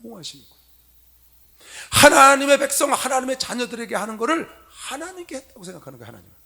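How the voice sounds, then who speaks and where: A middle-aged man preaching a sermon to young people in a convention hall, telling stories with loud stresses and soft asides. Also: extremely high pitch, rapid-fire, gravelly. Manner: animated storytelling, swinging from loud emphasis to soft asides. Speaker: pastor.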